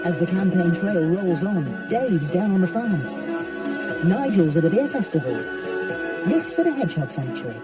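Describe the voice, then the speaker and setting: Wry documentary narrator with lively pitch. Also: normal speed, far from the mic, over loud music, low-quality recording. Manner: wry, teasing. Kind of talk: scripted narration.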